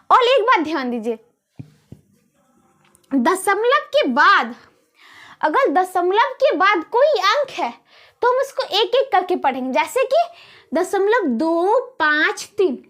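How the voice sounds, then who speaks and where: A woman's voice: extremely high pitch, fairly bright tone. A woman math teacher with a Bihari Hindi accent, explaining rules step by step to students in a classroom lesson.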